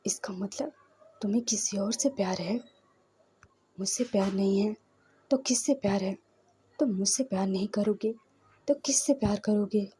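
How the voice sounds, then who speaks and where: A woman's voice: medium pitch, moderate pace, long pauses, mellow, slightly rough. A woman voicing a possessive, domineering man of thirty, speaking in an intense, half-whispered, commanding way. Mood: demanding.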